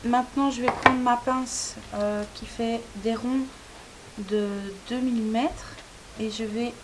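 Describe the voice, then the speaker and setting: A woman's voice: fairly high pitch, slow pace. Woman explaining crafts over a hissy recording. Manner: hesitant, frequent "euh" fillers while working. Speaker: craft tutorial host. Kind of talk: step-by-step demonstration. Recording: steady tape-like hiss.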